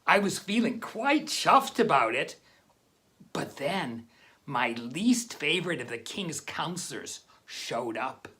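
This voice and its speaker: A woman's voice: sits low, sing-song, measured pace, few pauses, fairly bright tone, slight background noise, exaggerated voice. A woman playing a humble, devout man who tells his own story in a plain, earnest way. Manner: plain, earnest first-person telling.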